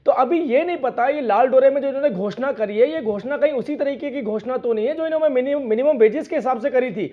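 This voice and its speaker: A man speaking as an opposition panelist on a televised political debate, measured and explanatory, addressing his opponents directly. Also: very high-pitched. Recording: tinny phone-line connection.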